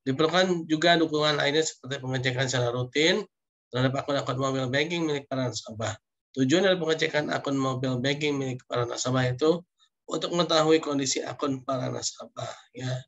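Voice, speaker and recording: A man's voice: mid-range voice, fast, a bit bright, muffled recording. Man giving an online lecture. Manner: reads slides with frequent "ya" and "nah" asides.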